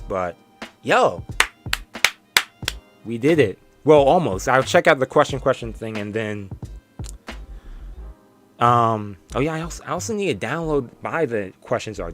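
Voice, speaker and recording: In a mid-range, slightly bright voice, a worn-out young man wraps up his bedroom stream with casual, rambling chat. He laughs softly and often, and his voice is fading.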